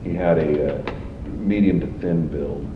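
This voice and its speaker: A man, a police officer, giving halting recorded testimony and often repeating himself. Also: extremely low pitch. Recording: roomy, distant, muffled, noisy archive tape.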